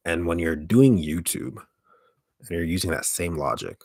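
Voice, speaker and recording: A man with an extremely low voice full of vocal fry talks in a loose, casual livestream style. He is halting and keeps cutting into his own sentences. The sound is dry and close-miked, with a husky grain to the gravelly tone. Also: animated, darkish tone, dry recording. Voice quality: deep, gravelly voice. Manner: halting, self-interrupting, mild swearing. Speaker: ASMR streamer hosting a live stream. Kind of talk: casual rambling livestream chat.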